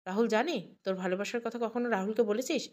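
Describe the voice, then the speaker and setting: A woman's voice: a little high, fast, darkish tone, natural voice. A woman voicing a caring, firm older sister in an audio story. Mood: concerned.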